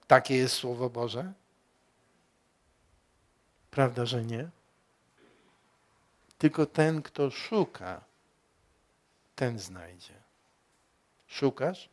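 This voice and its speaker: A man preaching a sermon as pastor, slow and emphatic, asking the congregation questions and rising to loud peaks. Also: medium pitch.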